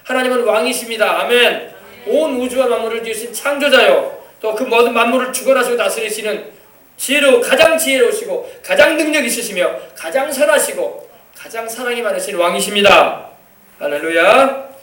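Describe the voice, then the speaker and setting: A pastor with a South Jeolla (Yeosu) Korean accent gives a children's sermon in an extremely high, slightly bright male voice, speaking a little fast. He asks the children questions and waits for their answers, heard from far off in an echoey church sanctuary.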